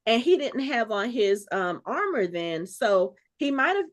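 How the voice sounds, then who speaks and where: A woman co-hosting a casual podcast, talking over scenes in an animated way and acting out the exchanges as she recaps them. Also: on the high side, measured pace, over a noisy crowd. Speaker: podcast co-host. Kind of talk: casual chat.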